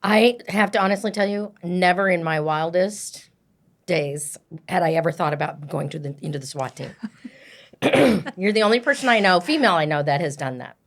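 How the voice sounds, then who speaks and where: A woman in her sixties hosting a podcast, chatting warmly with her guest and often checking in with "right?". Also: on the low side, moderate pace. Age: 60s. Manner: warm, affirming, often says "right?". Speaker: podcast host. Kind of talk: casual interview chat.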